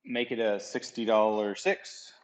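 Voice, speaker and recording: Guy playing dice, kinda halting, thinks out loud while calling bets, bit of noise and clicks. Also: fairly low pitch, fairly even intonation. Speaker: craps player calling bets. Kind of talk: casual chat during a dice game. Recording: noisy room with clicking.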